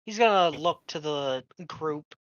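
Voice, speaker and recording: This tabletop game player, a young man speaking over an online voice chat mic, has a slightly high, somewhat bright voice with lively intonation. He trades banter with the game master, pushy and quick to argue. The recording is dry and the audio dull.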